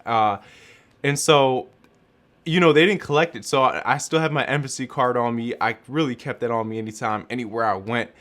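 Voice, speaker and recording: Young guy from Chicago, casual vlog storyteller, lively and slangy, acts out the dialogue. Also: mid-range voice, brisk. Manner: animated slang-filled storytelling, acts out quotes. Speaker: vlogger telling a travel story.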